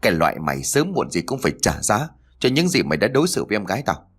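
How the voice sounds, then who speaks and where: A man's voice: on the low side, big pitch swings, fast, a bit bright, husky, full character voice. A man voicing a harsh, scolding older brother. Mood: angry. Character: angry grieving older brother. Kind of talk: storybook reading.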